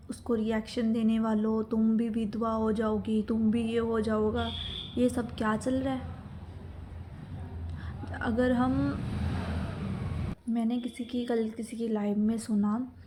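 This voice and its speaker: A woman's voice: a little high, mellow. A young married woman delivering an indignant opinion monologue, lecturing her viewers directly. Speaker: social media commentator.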